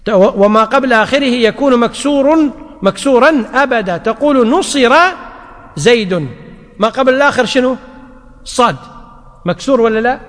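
A man gives a grammar lesson in a high, light voice. He repeats key points and often checks that his class is following. His voice rings with the long reverb of a large hall. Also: normal speed, pauses often. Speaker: teacher of Arabic grammar. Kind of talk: classroom lecture.

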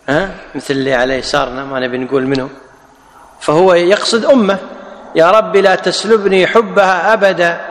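A man's voice: fairly high pitch, a little hiss or hum. A man teaching classical grammar, explaining each word, repeating it and quizzing his students. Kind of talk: classroom lecture with questions to students. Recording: echoey hall with long reverb.

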